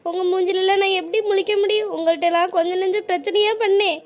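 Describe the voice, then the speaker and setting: A woman's voice: very high-pitched, steady tone, quick pace, darkish tone. A woman voicing a weepy old village widow. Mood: tearful. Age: older. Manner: tearful, pleading, self-blaming. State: crying.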